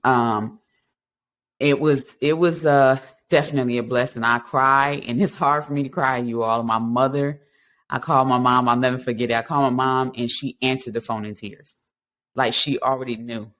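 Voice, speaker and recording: An earnest man in his thirties tells his own story of recovery in a mid-pitched voice. He talks reflectively, stopping and restarting often with ums, and turns to encourage his listeners. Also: steady tone, normal speed, a bit bright. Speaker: podcast host. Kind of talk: personal testimony and encouragement.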